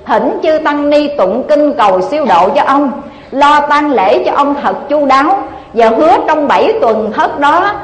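Woman voicing a devoted third wife making earnest promises. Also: high-pitched. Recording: echoey hall.

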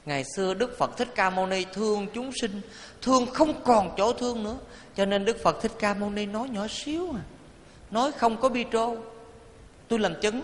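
A man, a Buddhist monk, giving a playful, animated dharma talk to an audience and leading them in chanting. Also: high-pitched, normal speed, slight background noise. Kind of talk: sermon. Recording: reverberant hall, faint ambience.

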